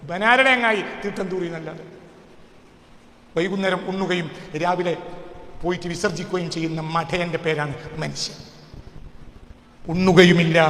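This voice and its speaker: A man preaching a fiery sermon, swinging between shouting and low muttering and firing rhetorical questions. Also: fairly even intonation, moderate pace, long pauses, slight background noise. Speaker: Islamic preacher. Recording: echoey hall with long reverb.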